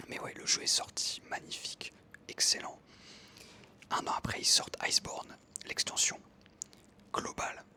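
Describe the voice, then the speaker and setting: A young adult's breathy ASMR whisper, pushed and bright, carries casual, enthusiastic gamer chatter while narrating gameplay from close up.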